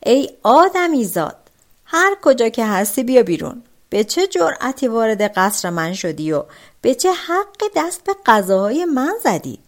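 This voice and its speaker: A woman's voice: fairly high pitch, very animated. A woman voicing a huge, boastful male demon who bellows threats in a storybook tale. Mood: angry.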